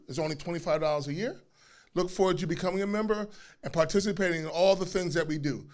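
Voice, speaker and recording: Male organization speaker with a notably high pitch, urging people at a meeting. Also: clear, resonant tone.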